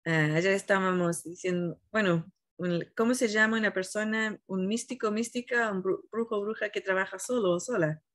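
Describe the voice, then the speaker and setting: This woman, a spiritual teacher, has a mid-range voice and talks at a normal speed. Her reflective, conversational talk includes an animated retelling of a story, with frequent pauses to find the right word.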